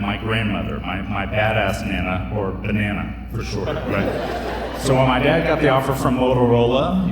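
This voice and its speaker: Young guy rambling through a funny story on stage, lots of uh and like, roomy hall sound, mic a bit far, crowd in the room. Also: medium pitch. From United States. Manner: casual, joking, chatty with many fillers. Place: stage in a hall with a live audience. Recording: echoey hall picked up from a distance, crowd audible.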